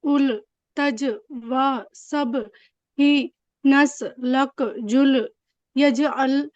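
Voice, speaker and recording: Woman, student, flat high voice, careful syllable drills, dry sound. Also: extremely slow, no room sound, muffled recording. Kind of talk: reading drills aloud.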